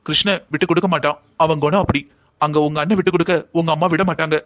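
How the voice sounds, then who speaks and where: A man's voice: sits high, fast talker, bright, forceful tone. A man voicing a stern older woman, a mother-in-law in a family cartoon drama, who scolds and lectures. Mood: firm advising.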